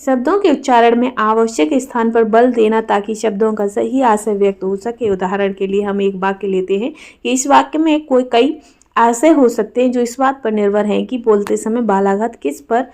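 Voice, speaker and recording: A woman's voice: a little high, normal speed, a little mellow. A woman teacher reading a prepared exam answer aloud as a lecture, stressing words in example sentences.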